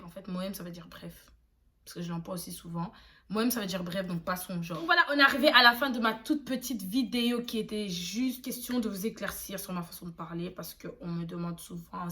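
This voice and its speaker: A woman's voice: medium pitch, bright, forceful tone. A young woman from Belgium speaks in a casual vlog. Her delivery is loose and slangy, full of asides to her viewers. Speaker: YouTuber.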